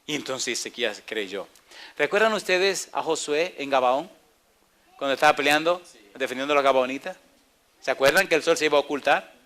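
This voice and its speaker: A man's voice: a little high, expressive, a little fast, fairly bright tone. A man preaching a sermon, acting out biblical dialogue and asking the congregation questions. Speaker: pastor.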